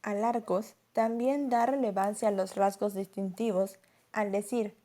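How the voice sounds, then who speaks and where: A woman narrating a scripted lesson as a teacher, explaining clearly and slowing down to stress example words. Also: mid-range voice, steady tone, warm tone.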